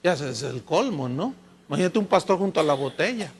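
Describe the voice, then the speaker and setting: A man with a Mexican Spanish accent preaching a sermon as a pastor, lively and full of rhetorical questions to the congregation. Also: a little high, fairly quick, slightly rough. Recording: long reverb from a large hall.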